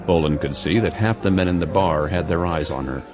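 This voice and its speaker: A man's voice: low voice, a little fast, over music. A man narrating a thriller story in a scripted, storytelling style.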